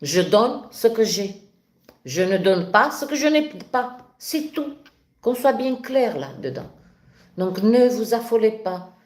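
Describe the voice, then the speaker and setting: A French woman with a regional accent hosts a spiritual live stream and talks with fervent passion. She speaks slowly and spontaneously, often restarting her phrases. Her voice carries a roomy echo. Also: fairly high pitch. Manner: passionate, animated, with many restarts. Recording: echoey room.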